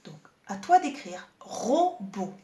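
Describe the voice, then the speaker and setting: A woman teaching young children in a lesson video, talking slowly and articulating each sound clearly, with an encouraging manner. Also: a little high, sing-song, dark tone.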